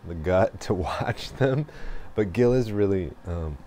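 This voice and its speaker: A man with a very low voice reflects aloud in a slow, wandering way, pausing often and trailing off with fillers. A faint hiss sits under the recording. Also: expressive, warm tone. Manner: slow and meandering, with many pauses and fillers. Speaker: host. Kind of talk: reflective spoken monologue.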